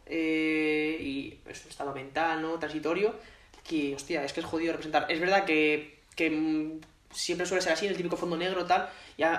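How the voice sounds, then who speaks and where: A man with a Spain Spanish accent, casually chatting about a film as co-host and peppering his talk with swearing and tag questions. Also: fairly high pitch. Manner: chatty, swears freely, lots of "¿no?". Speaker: podcast co-host. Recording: echoey room.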